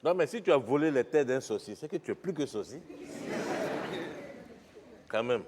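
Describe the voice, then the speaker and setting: A man's voice: mid-range voice, expressive, normal speed, crowd noise. A man in a comedy sketch playing an indignant parliament member who lectures and stammers on repeats. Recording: long reverb of a stage hall.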